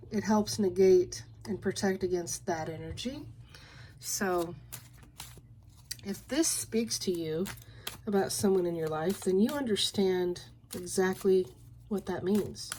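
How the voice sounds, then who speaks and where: A woman lays out and explains cards at an unhurried pace, her voice gentle and patient. Her pitch sits in an ordinary middle range. A faint hum of room noise runs under the recording. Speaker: card reader. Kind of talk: relaxed card-reading video.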